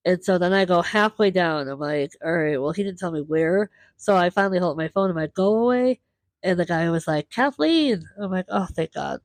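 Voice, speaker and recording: A woman hosts her own podcast and tells a travel story in a relaxed, animated way, dropping into the voices of the people she met. Her voice sits a little low for a woman. The sound is close and dry, with no room echo. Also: fairly quick, few pauses. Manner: lively, acts out quoted voices. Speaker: podcast host.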